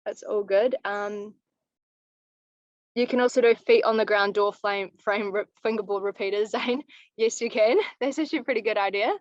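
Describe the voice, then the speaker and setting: A woman's voice: medium pitch, steady tone, normal speed, no echo. A young woman, a climbing coach giving easygoing, practical advice in a live online Q&A over a video call. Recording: muffled, dry video call audio.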